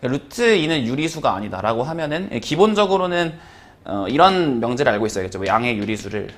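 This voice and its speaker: A man teaching math in a relaxed, rambling lecture, full of fillers and small chuckles. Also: medium pitch, a little fast. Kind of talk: casual lecture.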